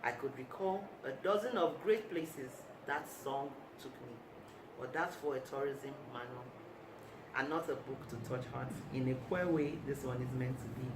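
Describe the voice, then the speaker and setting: A woman author reading aloud from her own book of short stories in a measured, deliberate way. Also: rumbling low. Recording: echoey room, mic at a distance, noisy.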